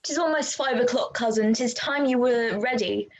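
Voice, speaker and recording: A sharp-tongued young noblewoman, read by a woman in an amateur online play reading. Her voice is slightly high, and her lines come out dry and witty. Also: moderate pace, lightly acted, low-quality recording. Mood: wry. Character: witty young noblewoman Beatrice, feeling unwell.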